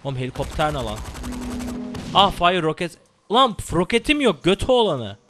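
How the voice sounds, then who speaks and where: Young guy cursing at a video game, voice jumping all over, higher pitch, game music and gunfire behind. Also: moderate pace. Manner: excitable, swearing, yelling at the game. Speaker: gameplay commentator. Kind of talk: live gameplay commentary.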